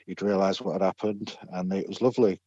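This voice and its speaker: A middle-aged man with a very low voice recounts a story in a relaxed, rambling way, full of ums and restarts. The sound is dull and lo-fi, with a dry, close feel and no room echo. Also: brisk. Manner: chatty, hesitant with fillers and restarts, laughs often. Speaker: podcast guest. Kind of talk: storytelling in a casual interview.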